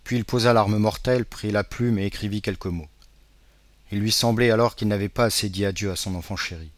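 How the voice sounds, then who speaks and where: A man narrating a classic novel as an audiobook, in a measured, dramatic reading. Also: on the low side, steady tone, no room sound.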